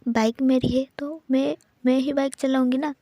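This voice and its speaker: Guarded teasing young woman biker, as a woman reads her, curt replies, high gravelly voice, dry close sound. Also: fairly even intonation, moderate pace, warm tone, no echo.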